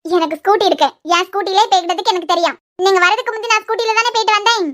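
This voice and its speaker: Woman doing a young wife, curt and sarcastic, Kanyakumari Tamil accent, fast, dry sound. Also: very high voice, fairly even intonation, fairly bright tone, dry recording. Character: sulky sharp-tongued young wife. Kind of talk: cartoon web series voice acting.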